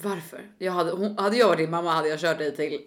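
A young woman in casual chat, mostly giving short reactions and dry remarks. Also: on the low side.

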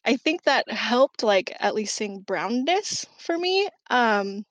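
A woman's voice: fairly high pitch, sing-song, slow, no room sound. Woman in her 30s on a podcast, lots of ums and likes, dry close sound. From Southern California. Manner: chatty, many ums and likes, laughs between words. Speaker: podcast guest. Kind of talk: casual chat.

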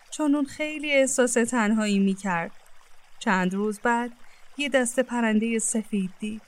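A woman with a somewhat high voice reads a children's fairy tale aloud. She narrates in a gentle, even storytelling way, as for young listeners.

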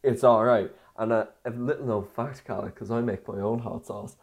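A man's voice: mid-range voice, fairly even intonation, normal speed. Man, casual podcast chat, playful, teasing. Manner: teasing, playful, laughs often. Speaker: podcast co-host.

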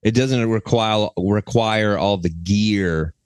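Deadpan male podcast co-host, low voice, dry close recording. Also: slow pace, clean tone, no echo. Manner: deadpan joking, interrupts. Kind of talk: comedic casual chat.

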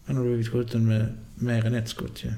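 A man co-hosting a casual true-crime podcast, calmly explaining and briefly agreeing. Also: mid-range voice, creaky. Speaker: podcast co-host.

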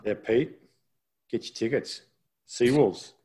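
A man hosting a casual news roundup, relaxed and rambling, with frequent restarts and fillers. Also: mid-range voice, takes it slowly. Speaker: podcast host.

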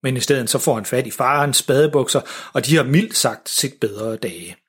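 A man narrating a children's story in an even, gentle way, with a husky voice. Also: mid-range voice.

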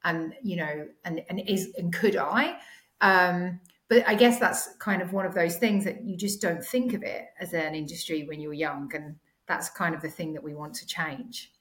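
A woman in her forties with a slightly croaky, sore-throated voice, chatting casually and a little hesitantly as a podcast guest. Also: on the low side, normal speed, fairly bright tone. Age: 40s. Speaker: podcast guest, finance executive. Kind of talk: casual interview chat. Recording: echoey home recording.

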